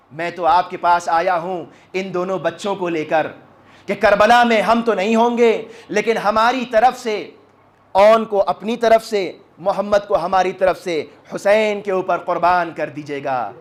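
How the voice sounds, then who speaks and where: A man's voice: high-pitched, lightly acted. A man voicing an aging nobleman who humbly takes leave, recited in a mourning sermon. He gives the lines in a solemn, earnest manner.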